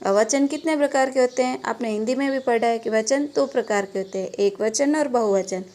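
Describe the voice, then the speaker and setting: A woman's voice: fairly high pitch, fairly quick, dark tone. A woman with a Rajasthani Hindi accent teaching a classroom grammar lesson, patiently asking questions and answering them herself. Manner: patient, asks and answers her own questions. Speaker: school teacher.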